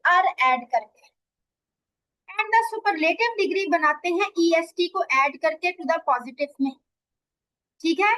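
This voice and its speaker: A woman's voice: very high voice, a bit bright, rough recording. A woman teaching an English grammar lesson, explaining in Hindi mixed with English and asking and answering her own questions. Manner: reads English example sentences very slowly; addresses listeners as children and dear students.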